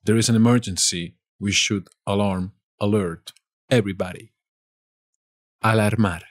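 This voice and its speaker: A man from Spain with a Spanish accent, teaching vocabulary in a slow lesson and saying each word twice. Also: on the low side, fairly even intonation, no echo, studio quality.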